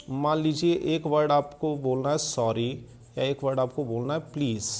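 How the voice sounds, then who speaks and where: A man teaching English grammar in a video lesson. He explains slowly with examples and often checks that listeners follow. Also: a little high, a little mellow.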